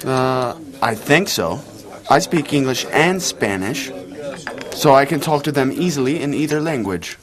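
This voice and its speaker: An actor playing a friendly young man in a scripted dialogue for English learners, speaking clearly and carefully. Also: medium pitch, expressive, a crowd in the background, lightly acted. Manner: clear, slow, carefully spoken. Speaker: lesson dialogue character.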